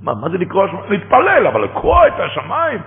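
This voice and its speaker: A man with a slightly high, gravelly voice preaches a sermon. He drops to a hushed tone, then builds to loud, impassioned outbursts, and chants quoted verses slowly. The sound is tinny like a phone line, with a long reverb from a large hall. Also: huge pitch swings. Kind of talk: sermon on scripture.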